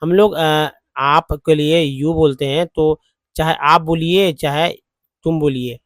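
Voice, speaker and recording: A man's voice: a little high, fairly even intonation, a bit bright, no room sound. A man with an Indian English accent teaching a language lesson, switching between Hindi and English and saying each phrase over and over. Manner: slow, repeats English phrases several times over.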